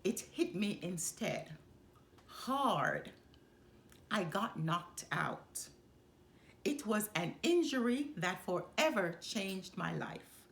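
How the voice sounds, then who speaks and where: A woman hosting storytime reads a children's book aloud, narrating it expressively in the first person. She speaks slowly with deliberate, dramatic phrasing and pauses, in a creaky mid-range voice. The room is roomy and echoing.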